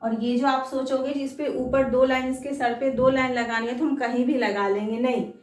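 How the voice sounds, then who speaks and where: A woman's voice: high voice, steady tone, moderate pace, echoey room, distant mic. A woman teaching a children's lesson on Hindi vowel signs, patient, stretching syllables out and asking frequent questions.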